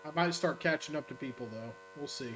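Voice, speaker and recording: A man streaming a racing game and joking his way through casual, rambling commentary as a high school teacher. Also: brisk, reverberant, background noise. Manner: jokey, rambling, self-mocking.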